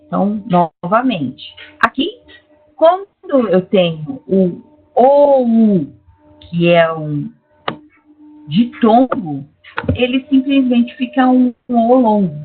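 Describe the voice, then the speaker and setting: A woman's voice: fairly high pitch, animated, slow, slightly rough, faint music behind. A woman with a Brazilian Portuguese accent explaining Greek grammar in an online lecture, often checking in with "tá?". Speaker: Greek teacher. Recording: tinny lo-fi online class audio.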